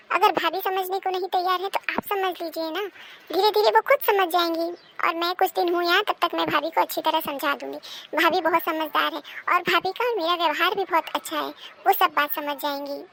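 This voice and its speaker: Cartoon: a gentle, reasoning young married daughter, voiced by a woman, very high voice. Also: gravelly, exaggerated voice. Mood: persuasive. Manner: soothing, advising, reasonable. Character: calm, sensible married daughter visiting home. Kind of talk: cartoon dubbing.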